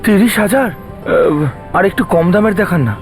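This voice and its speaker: An actor playing an excitable, boastful, self-pitying police officer with a melodramatic manner in a dubbed TV crime drama. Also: male voice, sits high, a little slow, over music. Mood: eager. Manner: melodramatic muttering and exclaiming.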